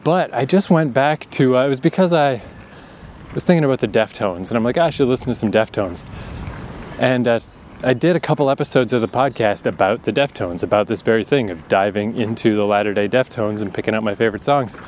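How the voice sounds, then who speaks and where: Outdoors in a breezy city spot, a man in his thirties hosts his podcast as a rambling, frank monologue, laughing a lot and swearing freely. He has a slight Atlantic Canadian accent and a brisk, medium-pitched, darkish voice, with a faint hiss or hum in the audio.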